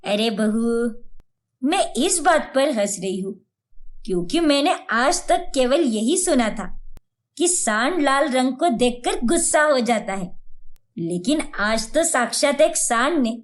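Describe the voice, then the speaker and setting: A woman's voice: high voice, lively intonation, takes it slowly. A woman voicing a scornful older mother-in-law in a cartoon, who talks in a taunting, mocking way.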